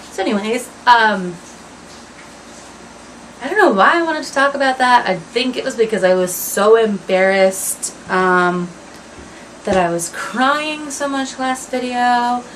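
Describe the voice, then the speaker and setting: A woman's voice: fairly high pitch, animated, slow pace, pauses often, a bit bright, a little hiss or hum, rough recording. A woman in her thirties chatting casually to camera at home while dyeing her hair, rambling and apologetic with lots of fillers. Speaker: vlogger.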